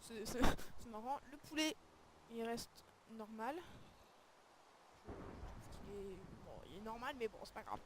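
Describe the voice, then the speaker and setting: A woman's voice: on the high side, animated, a little slow, very noisy. A woman casually commenting on a game texture pack as a video creator, hesitant and often searching for her words. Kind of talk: casual screen-recorded commentary.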